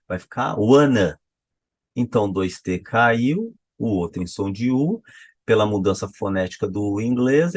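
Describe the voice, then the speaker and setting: A man's voice: medium pitch, darkish tone, no echo. A Brazilian man with a Brazilian Portuguese accent, explaining pronunciation as a teacher, repeating examples and asking himself questions. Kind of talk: classroom-style explanation.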